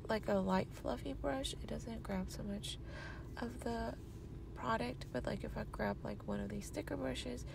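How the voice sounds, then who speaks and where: A young woman with a very gravelly, creaky voice talks her way through a casual makeup voiceover. She sounds sleepy and rambles with plenty of fillers at an average pitch. Steady background noise hums under the recording. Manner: chatty, rambling, many fillers. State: sleepy, yawning. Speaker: beauty vlogger.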